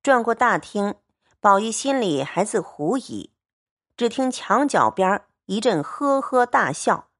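A woman narrating a classic novel as a storytelling reading, measured and expressive. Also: medium pitch.

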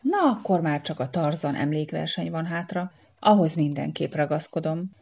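A woman's voice: deep voice, lively intonation, gravelly, heavily acted. A woman voicing a boastful, bossy male monkey chief who makes grand speeches to his troop, in a dull lo-fi recording. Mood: smug. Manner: grandly spontaneous, shouting to a crowd.

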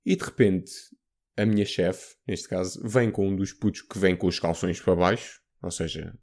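A man's voice: deep voice, normal speed. A young man from Portugal, casually telling a story to a friend and acting out the voices of the people in it. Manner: animated storyteller, acts out voices of people in his story, many fillers.

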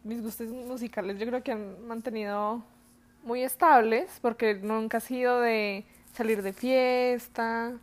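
A woman chatting casually, calm and reflective in manner. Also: a little high, measured pace. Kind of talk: casual chat.

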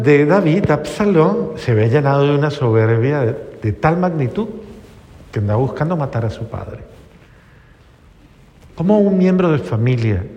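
A male priest preaching in an easy, conversational way, with many pauses and restarts as he searches for words. His voice sits at a middling pitch, and a long reverb trails behind every phrase, as if the sermon were given in a large church. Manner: conversational, pausing and restarting often, soft when quoting others.

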